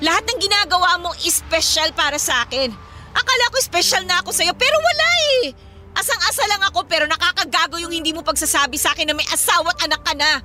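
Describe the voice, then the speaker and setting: A woman acting in a radio drama as a tipsy, hurt and angry young woman who throws sharp, accusing retorts. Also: very high voice, fast talker, faint music behind, exaggerated voice. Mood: distraught.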